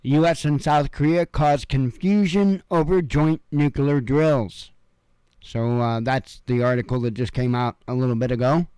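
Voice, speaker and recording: Slow, offhand male news commentator. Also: medium pitch, a little mellow, clear, resonant tone, dry recording. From Illinois, USA. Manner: offhand, rambling asides with many fillers. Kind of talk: casual headline read-through with commentary. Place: home room.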